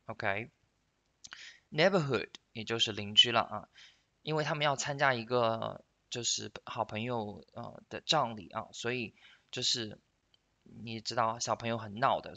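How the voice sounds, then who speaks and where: Male English teacher, clear bright timbre, patient explainer who models phrases slowly for practice. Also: medium pitch, highs cut off. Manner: sentences end in soft drawn-out particles. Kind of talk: explanatory language lesson.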